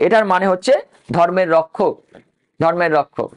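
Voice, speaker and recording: A man's voice: high voice, moderate pace. A male history teacher giving an exam-prep lecture, dictating names letter by letter and asking and answering his own questions.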